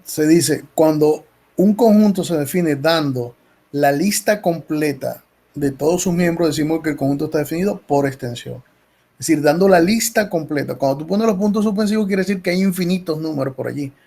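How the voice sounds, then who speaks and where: A man's voice: a little high, moderate pace, gravelly, warm tone. A male professor explaining set theory patiently in an online class, often checking in with his students. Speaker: math professor. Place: video call meeting.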